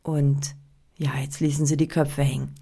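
Chatty woman coaching listener, low voice. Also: level tone, moderate pace, creaky, dark tone. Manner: chatty, addresses the listener directly with informal du; many fillers and restarts while thinking aloud. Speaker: podcast host giving presentation tips. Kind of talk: casual coaching monologue.

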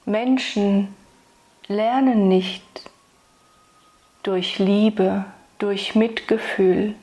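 A woman speaking as a spiritual meditation guide, soothing and intimate, addressing the listener solemnly and tenderly with long pauses. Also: medium pitch, fairly even intonation, warm tone. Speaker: spiritual meditation guide delivering channeled messages.

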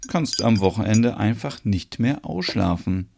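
A man's voice: fairly low pitch, animated, normal speed, gravelly, darkish tone. A man voicing a friendly, eager-to-please young baker in an audio soap opera.

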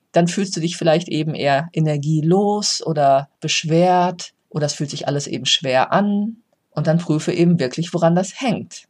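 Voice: medium pitch, a little mellow. A life coach giving an earnest motivational talk, speaking directly to the listener.

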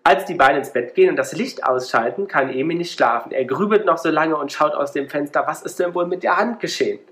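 A man's voice: fairly high pitch, quick pace, a bit bright. A man in a casual podcast reading a short spooky story aloud, raising his voice for the children's lines. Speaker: podcast host.

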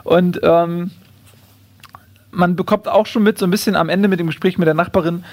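A man's voice: sits high, steady tone, moderate pace, a little mellow, no echo. A man casually presenting a book and reading from it, speaking with many hesitations.

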